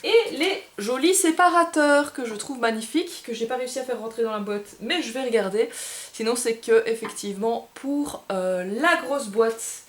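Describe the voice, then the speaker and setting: A woman's somewhat high voice moves at a normal speed as she hosts an easygoing game bar unboxing video. Sorting cards, she keeps up a chatty flow broken by hesitations and self-corrections. The audio is roomy, with faint noise behind it.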